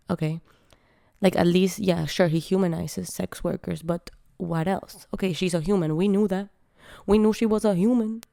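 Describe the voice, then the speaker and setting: A woman talks straight into the camera with a voice worn down by illness. Her tone sits low and mellow, and the sound is close and dry. She is blunt and frank, swears freely and pokes fun at herself. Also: creaky, no room sound. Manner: frank, frustrated, self-mocking. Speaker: vlogger reviewing a film. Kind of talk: casual opinion vlog.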